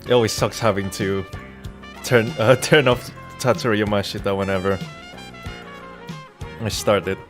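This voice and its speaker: A game streamer with a fairly low, fairly even voice talks at a moderate pace and pauses often, rambling informally with jokes and casual swearing in an irreverent way. He's on a Rode NT1-A studio condenser mic, with background music playing.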